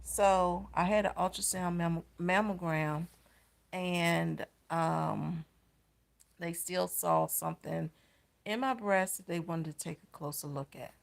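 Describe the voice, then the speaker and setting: Middle-aged woman vlogger, lowish gravelly voice, heartfelt and emotional retelling. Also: steady tone, slow. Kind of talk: personal health vlog story.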